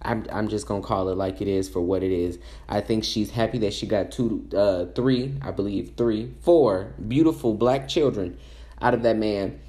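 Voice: medium pitch, moderate pace, warm tone. A commentator giving casual celebrity gossip commentary in a sassy, chatty way, full of asides and fillers.

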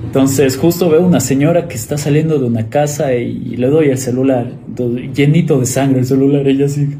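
A young man speaks in Ecuadorian Spanish with a soft, dark voice. He tells his story in a relaxed, slangy way and plays the people in it as he goes. A faint noise sits under the recording. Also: medium pitch, a little fast. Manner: lively anecdote-teller who acts out the voices in his story; slangy, with many fillers. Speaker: guest. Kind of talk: casual storytelling interview.

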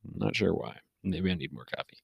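A man's voice: sits low, lively intonation, fairly quick, vocal fry, husky, no echo, highs cut off. A man hosting a podcast alone, talking casually in a loose, rambling way with many fillers and restarts, sounding a little tired. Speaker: podcast host. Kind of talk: casual solo podcast monologue. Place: recorded outdoors near a forest.

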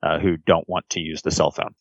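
A man's voice: a bass voice, flat delivery, a little fast, vocal fry, no echo, muffled recording. Easygoing man running a tabletop game. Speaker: game master.

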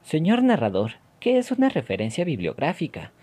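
A man's voice: a little high, huge pitch swings, moderate pace, mellow, pitched above the performer's own voice. A man voicing a curious, polite little boy asking naive, eager questions in a scripted educational dialogue.

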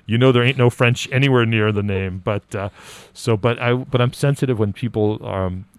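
A man's voice: medium pitch, normal speed, smooth, no room sound. A man hosting a conversational radio interview, his voice muffled because he speaks through a face mask. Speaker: radio show host. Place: radio studio.

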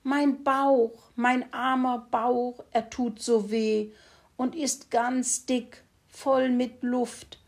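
Storybook pig, high whiny moaning, slow and drawn out, as a woman reads it. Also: level tone. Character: whiny bloated male farm pig.

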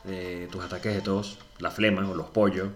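A man's voice: low-pitched, flat delivery, moderate pace, fairly bright tone, soft background music. A man co-hosting a comedy podcast, playful and bantering. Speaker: podcast co-host.

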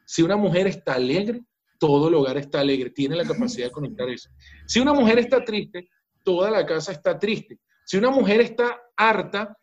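A man's voice: high voice, muffled recording. A man with a Venezuelan accent, a business coach speaking in a podcast interview, emphatic and talking straight to the listener.

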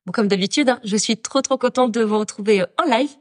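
A woman's voice: a little high, fast talker. A woman with a nasal voice, stuffed up with a cold and sore throat, talking casually and hesitantly as she hosts a livestream for her followers. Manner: informal, hesitant, talking off the cuff. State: sick with a cold, congested nose, sore throat. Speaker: podcast host and productivity coach.

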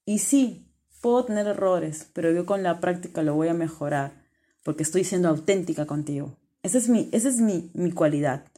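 Loud, earnest woman podcast host. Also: lowish voice, expressive, moderate pace. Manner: earnest, encouraging, addresses listener directly. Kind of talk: motivational self-help podcast monologue.

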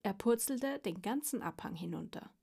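A woman reading a children's storybook aloud in a slow, soft, expressive way. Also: mid-range voice, gravelly, breathy edge. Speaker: reader.

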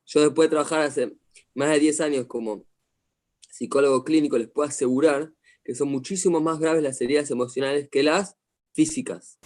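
A middle-aged man with an Argentine accent, a psychologist teaching a class over a video call, telling stories in a lively way and asking questions. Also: fairly high pitch, normal speed. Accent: Argentine Spanish. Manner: animated storyteller, asks the class questions. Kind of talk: online lecture to a class.

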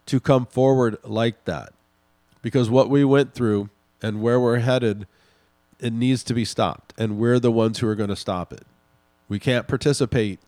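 A man hosting a podcast, reading and commenting on news articles in an emphatic, indignant way, slowing down to stress his points. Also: mid-range voice, darkish tone, dry recording. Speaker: podcast host.

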